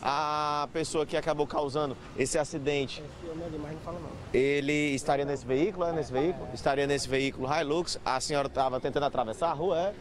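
A man's voice: a little high, fairly even intonation, moderate pace, crowd noise. A man giving an urgent live news report from a city avenue, questioning witnesses. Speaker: street reporter. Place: busy city avenue outdoors. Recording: street traffic noise behind.

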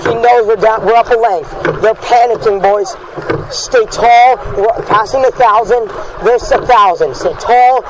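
A man's voice: high voice, measured pace. A man working as a rowing coxswain, calling a race to his crew in urgent, commanding, clipped repeated counts. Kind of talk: shouted race calls to a crew. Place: outdoors in a rowing boat on a lake. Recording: noisy outdoor cox recording on water. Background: loud boat and water noise.

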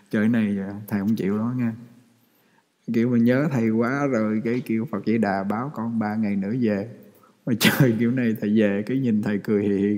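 A man who is a Buddhist monk gives a relaxed, joking dharma talk, breaking into laughter between his points. His voice sits fairly low and sounds warm and dark. It carries a long reverb from a large hall. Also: gravelly, slightly rough. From Vietnam. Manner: folksy, joking, laughs often.

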